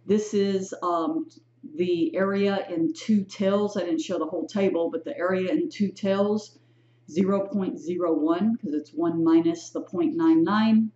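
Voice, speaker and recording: A woman's voice: lowish voice, fairly even intonation, measured pace, dark tone. Chatty woman teaching statistics, echoey. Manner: chatty, self-correcting, asks "right?" often. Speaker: statistics instructor. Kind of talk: recorded lecture walkthrough. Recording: echoey, dull lo-fi room sound.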